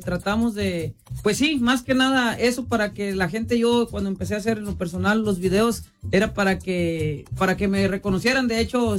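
High-ish guy rambling easy in a radio interview, lots of fillers. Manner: relaxed storytelling, many fillers. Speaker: guest, content creator.

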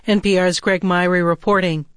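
A woman's voice: lowish voice, fairly even intonation, normal speed, no echo. Dry-sounding American woman reading news. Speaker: newscaster.

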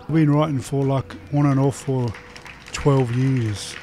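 A man's voice: medium pitch, fairly even intonation, unhurried, music in the background. An Australian man, an inmate poet, speaking earnestly and reflectively in an interview.

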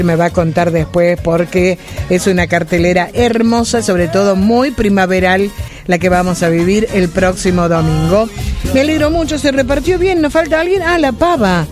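A woman with an Argentine Spanish accent, hosting a late-night radio show and talking casually with listeners. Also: on the low side. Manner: chatty, warm-hearted and reassuring with listeners. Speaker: radio host.

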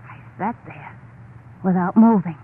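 A husky, mid-range female voice carries this dread-filled monologue from an old radio horror play, where an actress portrays a haunted, unhinged wife admitting to murder. Her first-person narration is dramatic, intense and halting, with insistent repetition, heard through a tinny, band-limited recording with faint noise.

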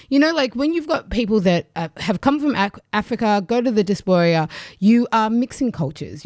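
A woman's voice: lowish voice, darkish tone, no echo, clean studio sound. A woman radio host, raised in Australia with Ugandan roots, chatting in a loose, rambling way between songs.

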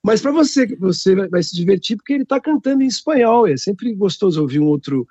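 A Brazilian man hosts a radio music show from his home studio, chatting and joking casually as he introduces songs, his Brazilian Portuguese accent riding lively pitch swings. He talks fast, and the recording is dry with a lo-fi sound.

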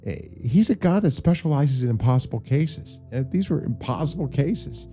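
A man with a smooth radio host delivery, hosting a call-in prayer show and leading callers through a call-and-response prayer. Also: fairly high pitch, lively intonation, moderate pace, dark tone, faint music behind.

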